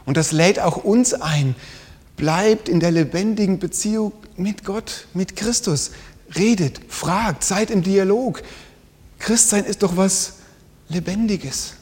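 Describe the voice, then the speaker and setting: A man preaching a sermon, swinging from loud emphatic lines down to hushed whispers. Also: high-pitched, slow. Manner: dynamic, drops to whispers for emphasis. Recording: long hall reverb.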